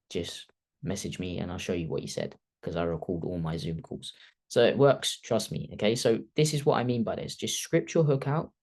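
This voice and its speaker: Low-ish guy coaching content strategy, loose and chatty, says okay a lot. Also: a little mellow. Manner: conversational, keeps tagging "okay?", thinks aloud off the cuff. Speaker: personal branding coach. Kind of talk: casual masterclass teaching. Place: video call.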